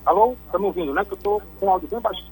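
Heard over a phone line, a man calls in to a radio show to explain technology topics, measured and explanatory but often restarting. His voice is high-pitched, darkish in tone, and slightly rough.

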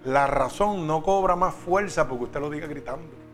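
Man, preaching sermon, high voice, faint music underneath. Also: moderate pace. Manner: emphatic preaching with direct questions to the congregation.

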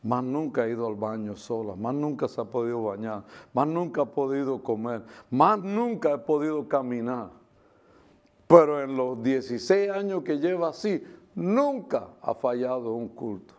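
Mellow-voiced preacher man, conversational. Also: medium pitch, expressive, moderate pace. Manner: conversational, frequent tag questions, mixes in English phrases. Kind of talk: sermon with personal testimony.

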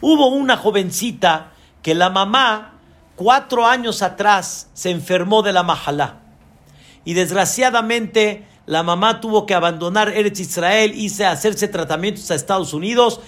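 High-voiced rabbi telling a story. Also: male voice, moderate pace, fairly bright tone. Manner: dramatic storyteller, voices the women in his story. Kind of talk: sermon storytelling.

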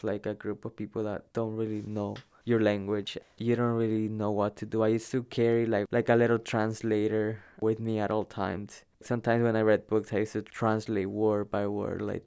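A young man from El Salvador, a native Spanish speaker, telling his own migration story for an oral history in a halting way full of fillers. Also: on the low side, mellow, clear, resonant tone. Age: young adult.

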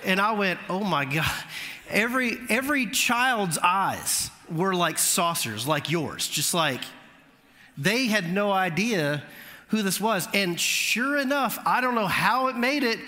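Man preaching, animated storyteller, bright ringing voice, long reverb of a church hall. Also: slow pace. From Florida. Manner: animated storytelling, voice climbing high at punchlines. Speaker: pastor. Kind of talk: sermon storytelling. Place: church sanctuary.

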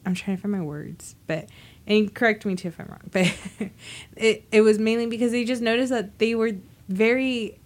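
A young adult woman, currently sick and under the weather, chats casually as a podcast co-host, often searching for her words. Her voice is on the high side, with fairly even intonation and a moderate pace.

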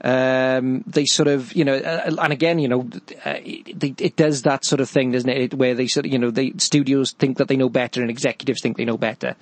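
A man's voice: medium pitch, fairly even intonation, a little fast, few pauses, no room sound. A man hosting a podcast, chatting casually about films in a rambling, jokey way with many restarts. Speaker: podcast host. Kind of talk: casual film chat.

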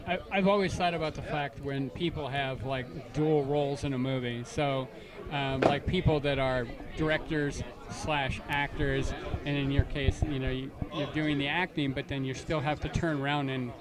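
Male interviewer, joking, stammers on restarts, middle pitch, crowd chatter behind. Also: steady tone, moderate pace, few pauses, distant mic. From Canada. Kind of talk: casual interview.

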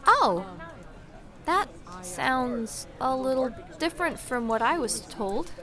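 Woman playing young tavern girl, kinda high voice, slow n hesitant, earnest fantasy drama, bit echoey. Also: expressive, a crowd in the background, exaggerated voice. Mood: unsure. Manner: hesitant, musing, self-doubting. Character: awkward, earnest, unsure young barmaid at uncle's tavern. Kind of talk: fantasy audio drama acting. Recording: roomy echo, faint background noise.

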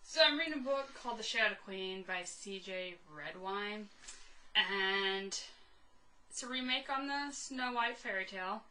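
A woman's voice: medium pitch, a little slow, sharp tone, a little hiss or hum, rough recording. A young woman co-hosting a casual podcast, giggly and given to short answers. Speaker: podcast co-host. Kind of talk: casual chat.

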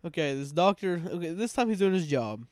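Dude co-hosting a podcast, laughs a lot, slightly high voice, dry sound. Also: male voice, animated, a little fast, dry recording. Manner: laughs often, short reactions. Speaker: podcast co-host. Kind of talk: casual chat reviewing a comedy show.

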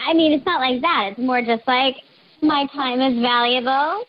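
A woman calls in to a radio show, her voice run through a voice changer. She sounds nervous and giggly and hesitates often. Her voice sits fairly high, and the sound is dull. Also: moderate pace, a crowd in the background. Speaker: caller.

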